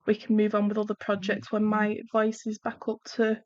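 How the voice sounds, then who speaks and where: Swatching pencils during a home live stream, a middle-aged woman who hosts an art channel talks casually, her nose stuffed and throat sore, apologetic and drifting off mid-thought. She speaks in a mid-range monotone at a moderate pace; the audio is dull and lo-fi, without room sound.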